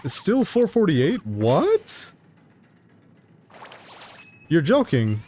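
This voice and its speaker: A man's voice: fairly high pitch, huge pitch swings, very slow, dark tone, slight background noise. A man casually commenting on his gameplay during a live stream, rambling and chatty, laughing often and swearing casually.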